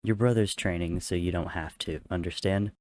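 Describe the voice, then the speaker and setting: A man's voice: low voice, steady tone, normal speed, darkish tone, dry recording, close to an everyday voice. A man voicing a dry, curt, arrogant young warrior tutor in a story reading. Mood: amused, curt.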